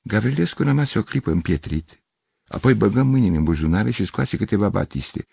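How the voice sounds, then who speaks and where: An older man narrating a literary audiobook in an expressive reading voice. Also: fairly low pitch, vocal fry, breathy edge, dry recording, studio quality. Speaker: audiobook reader.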